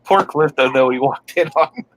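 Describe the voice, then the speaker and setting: Playful co-host, ribbing chat, mid-pitched, faint line hiss. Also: moderate pace, poor audio. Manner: playful ribbing, laughs at own jokes. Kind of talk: casual joking chat.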